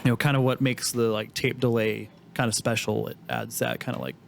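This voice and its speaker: Male podcast co-host; halting, explanatory delivery, faint background noise. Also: medium pitch, flat delivery, gravelly. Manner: explaining, halting with many restarts. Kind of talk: casual chat.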